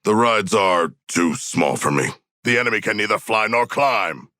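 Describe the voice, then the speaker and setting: An actor playing a huge, proud, bookish male shark warrior in a video game, speaking in formal, stilted, literal-minded phrases with a gravelly, husky voice. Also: on the low side, moderate pace, pushed and bright, no echo, clean studio sound. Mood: earnest, matter-of-fact. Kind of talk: video game character voice lines.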